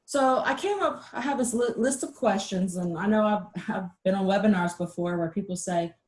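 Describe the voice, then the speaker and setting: A middle-aged woman presents a webinar over a video call in a casual, chatty way, animated and poking fun at herself. Her pitch is medium and her pace moderate.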